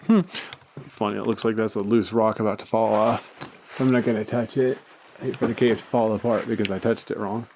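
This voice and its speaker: A man's voice: on the low side, fairly even intonation, brisk, a little mellow. Laid-back man, noisy cave recording. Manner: laid-back, rambling asides. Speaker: cave explorer filming a video. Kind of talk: casual spoken tour commentary. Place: inside a rocky cave. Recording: clear background noise, handheld cave recording.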